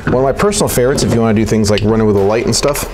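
A man's voice: lowish voice, rapid-fire, background noise. A man hosting a casual, joking product review of gun parts. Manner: relaxed, joking, chatty.

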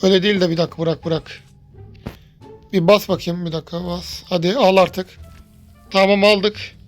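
A man giving lively let's-play commentary, chatting to his viewers and yelling when something startles him. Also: high-pitched, normal speed, soft background music. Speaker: gaming YouTuber.

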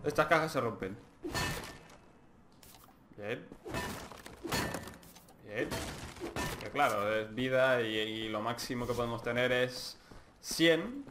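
A man with a Spain Spanish accent giving excitable gameplay commentary, swearing often and talking to himself. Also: mid-range voice, takes it slowly, long pauses, noisy background. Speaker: let's play host.

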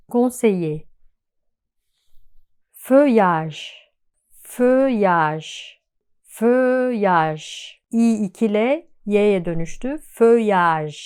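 A woman's voice: medium pitch, darkish tone, smooth. A woman teaching a pronunciation lesson, patiently repeating each example word several times. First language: Turkish. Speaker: French teacher. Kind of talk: slow step-by-step language lesson.

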